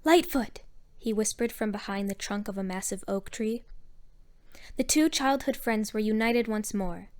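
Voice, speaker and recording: A woman narrating a story in a measured storytelling manner. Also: mid-range voice, fairly even intonation. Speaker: audiobook narrator.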